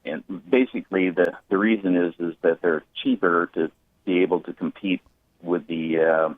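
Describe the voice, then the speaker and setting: Radio call-in guest: low-voiced man on a tinny phone line, halting and filler-heavy, dry sound. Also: fairly even intonation, no echo. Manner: hesitant, with many fillers and restarts. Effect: heard over a phone line. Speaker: radio show caller. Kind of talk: calling in with a car question.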